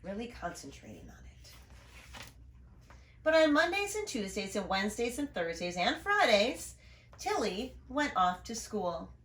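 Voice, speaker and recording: Reading to young listeners, this storybook reader and educator brings a children's tale to life, pausing for little comments on the pictures. She speaks at a medium pitch and a little slowly, in a room with an echoing sound.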